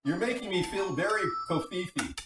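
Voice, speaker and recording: A man with a high-sitting voice and lively intonation hosts a casual live cooking stream at normal speed, rambling folksily and breaking off to read chat. A tinny computer mic placed away from his mouth picks him up distantly, with background noise and music.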